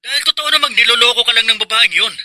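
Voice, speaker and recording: Miguel, an earnest worried brother. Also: male voice, extremely high pitch, fast talker, pushed and bright, no echo, heavily acted. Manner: earnest, pleading. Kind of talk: radio drama acting.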